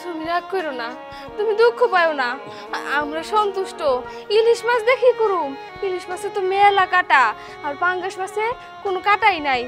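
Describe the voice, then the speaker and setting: A woman's voice: very high voice, fast. A woman voicing a poor village mother who scolds, then comforts her son. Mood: soothing. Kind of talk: low-budget village drama acting. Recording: music bed under dialogue.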